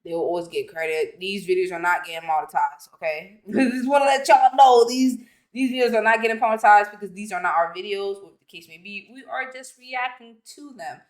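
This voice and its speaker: A woman's voice: medium pitch, fairly even intonation, fairly quick. A woman hosting a reaction video in casual chat, talking loosely with slang and frequent laughter. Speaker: reaction channel host.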